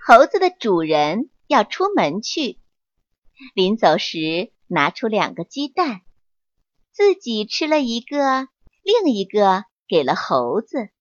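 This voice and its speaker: Woman storyteller, high-ish lively voice, slow read, dry lo-fi recording. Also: dry recording. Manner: slow, expressive, sing-song. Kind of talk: children's story narration. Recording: dull lo-fi, dry.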